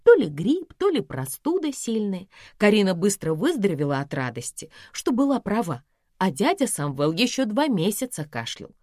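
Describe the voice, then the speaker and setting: A woman narrating a story in the first person, telling it in a lively, expressive way. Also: mid-range voice, moderate pace, no echo, studio quality.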